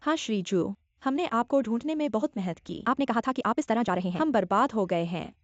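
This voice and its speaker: A woman's voice: fairly high pitch, lively intonation, brisk, no room sound. Earnest anxious young woman, dubbed drama, dry muffled voice, music beneath. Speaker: dub actor. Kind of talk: Hindi dub of a Chinese TV drama. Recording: dry, dull dub track with music.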